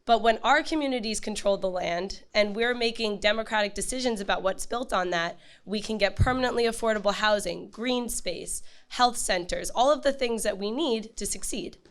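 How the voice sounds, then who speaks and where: A hoarse woman speaking to a community meeting as a campaign manager. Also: medium pitch, moderate pace, hardly any pauses. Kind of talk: prepared community meeting talk.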